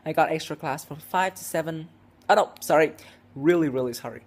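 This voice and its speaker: A sixteen-year-old boy vlogs a casual story, rambling and restarting often, his speech full of "like" and "um." His voice sits on the high side with vocal fry, and he talks a little fast.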